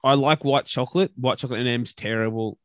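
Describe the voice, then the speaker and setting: A man's voice: medium pitch, fairly even intonation, fast talker, no echo, studio quality. A man co-hosting a casual podcast, rambling with restarts and casual swearing. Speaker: podcast co-host.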